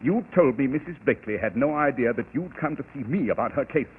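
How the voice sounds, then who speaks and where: An actor playing Sherlock Holmes, a cool and precise detective, in a 1940s radio drama, with crisp, faintly husky, measured delivery. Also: male voice, mid-range voice, expressive, a little hiss or hum, lightly acted. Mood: explaining. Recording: tinny old radio broadcast.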